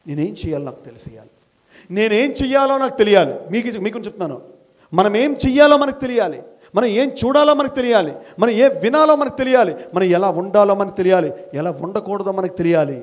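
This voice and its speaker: A middle-aged man, a school principal, gives a motivational talk to college students, firing questions at them and repeating phrases in rhetorical chains. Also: very high-pitched. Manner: fires questions at the audience and urges them to answer louder. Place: college hall before students.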